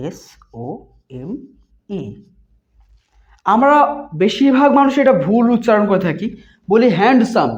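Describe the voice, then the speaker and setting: Woman teacher with lively questioning. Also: medium pitch. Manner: spells letters one by one and repeats words slowly; asks questions and answers them herself. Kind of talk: beginner English reading lesson. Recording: dull lo-fi recording.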